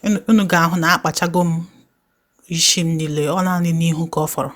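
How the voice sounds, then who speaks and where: A woman's voice: sits low, steady tone, racing. A woman with an Igbo Nigerian accent giving a casual, conversational voiceover for a step-by-step tutorial. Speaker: hair tutorial host.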